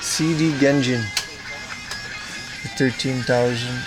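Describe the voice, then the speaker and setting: A man's voice: mid-range voice, fairly even intonation, takes it slowly. A man chatting casually and laid-back as he hosts a livestream while browsing a busy store. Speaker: livestream host. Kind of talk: casual chat, IRL livestream commentary. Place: busy retro game store. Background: shop music.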